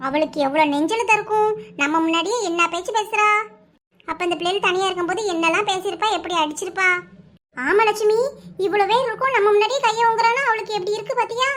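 A woman with a Kanyakumari Tamil accent voicing a fierce, protective village woman who scolds loudly. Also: very high voice, quick pace. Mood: consoling. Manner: loud scolding, threatening.

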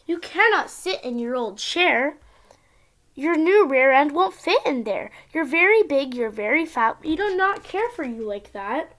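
A girl of about ten with an expressive, sing-song delivery, reading a storybook aloud as if to small children. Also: high-pitched, a little slow. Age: child, around ten. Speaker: young video channel host reading a picture book. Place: small indoor room at home.

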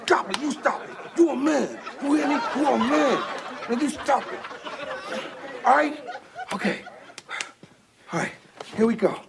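A man acting as the excitable lead of a sitcom, stammering and talking fast, over studio audience laughter. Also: extremely high pitch, vocal fry, a crowd in the background, background noise, heavily acted.

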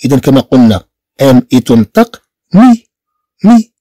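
A man with a Moroccan Arabic accent gives a beginner French lesson. He spells out letters and repeats each sound slowly and patiently. His voice sits a bit high with a lively, swinging pitch, and it is mellow and dry. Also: no room sound. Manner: slow, repetitive spelling-out of sounds. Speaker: teacher.

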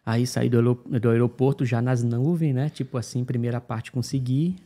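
Mellow-voiced Brazilian man telling a story. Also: mid-range voice, normal speed. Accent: Brazilian Portuguese. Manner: animated, acts out dialogue with officials. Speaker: guest telling his migration story. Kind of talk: casual podcast storytelling.

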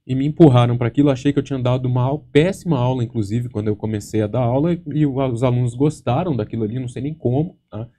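Joking, profane Brazilian man with a dark voice. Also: mid-range voice, fast, few pauses. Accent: Brazilian Portuguese. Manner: profane, joking storyteller, constant tag words. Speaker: exam-prep teacher hosting a live Q&A. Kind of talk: casual live Q&A chat. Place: studio with green screen.

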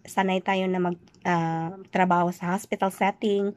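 A young woman from the Philippines, a nurse working abroad, chatting loudly and teasingly as she answers questions in a casual vlog. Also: lowish voice, flat delivery, moderate pace, no echo. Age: young adult. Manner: loud, chatty, teasing, jokes then says she's kidding. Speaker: vlogger, overseas dental nurse.

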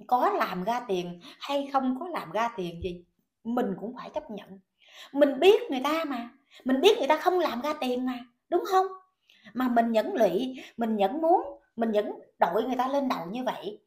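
A woman with a high voice and a Southern Vietnamese accent scolds someone in a ranting commentary vlog. She fires off repeated indignant questions and talks straight to her viewers. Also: a little mellow.

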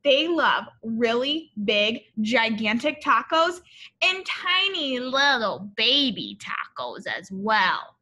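Casting: female teacher, thirties, high bright voice, expressive picture-book read-aloud for little kids. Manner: expressive, deliberate, explaining to young children. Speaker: elementary teacher reading aloud. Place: school classroom, indoors.

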